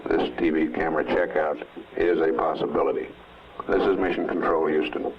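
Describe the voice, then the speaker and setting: A man announcing from mission control in a measured, formal way, heard over a crackly radio transmission. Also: a bass voice, lo-fi sound. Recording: noisy distant 1960s radio loop.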